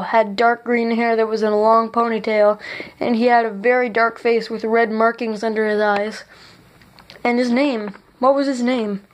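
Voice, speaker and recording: A woman's voice: a little high, slight background noise. A woman reading aloud a chapter of her own adventure story, earnest and stumbling on some words. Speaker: author reading own book.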